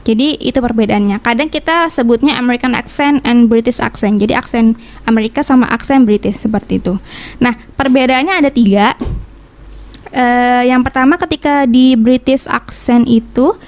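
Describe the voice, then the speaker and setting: Woman, from Indonesia, English teacher, casual radio lesson, mixes Indonesian and English, patient examples, somewhat high voice. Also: moderate pace, darkish tone. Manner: switches between Indonesian and English mid-sentence.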